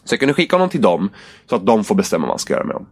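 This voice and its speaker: A man's voice: fairly low pitch, very animated, no echo. A man in casual chat, telling a long gaming story animatedly and acting out the characters' lines.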